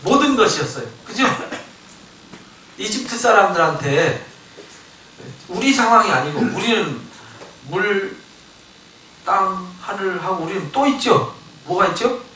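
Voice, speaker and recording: A male pastor giving a Bible lecture sermon, animated, acting out the voices of biblical figures and asking the congregation questions. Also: high voice, takes it slowly, long pauses, slight background noise. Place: church sanctuary. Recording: echoey church hall, mic at a distance.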